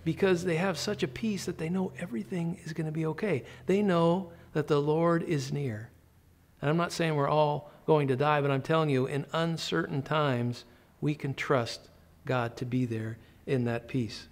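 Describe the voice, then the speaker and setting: A man's voice: a little high, steady tone. Earnest, conversational man preaching. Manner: earnest, conversational preaching with slow emphatic pauses. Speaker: pastor. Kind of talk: sermon. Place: indoor church office set.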